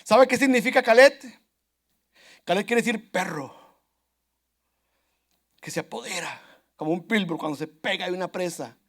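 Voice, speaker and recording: A man's voice: sits high, fairly bright tone. A man preaching a sermon to his congregation in an earnest, repetitive way, often calling out to his brothers and sisters. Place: church.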